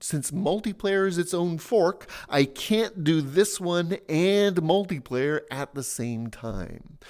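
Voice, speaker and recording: A man teaching a software tutorial, his voice sitting a bit high and bouncing around in pitch. He explains each step patiently and in order. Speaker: tutorial host.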